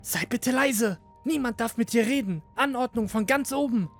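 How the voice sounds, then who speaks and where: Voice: medium pitch, very animated, normal speed, soft background music, voice pushed up. A narrator voicing a nervous young male guard who whispers and hisses warnings in a horror audio drama. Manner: anxious, hissing, insistent.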